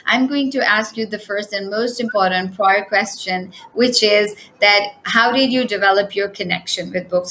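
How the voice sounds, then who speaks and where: A woman's voice: mid-range voice, a bit bright, slight background noise, poor audio. A young woman hosting an online interview, speaking enthusiastically with plenty of fillers and restarts. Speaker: host.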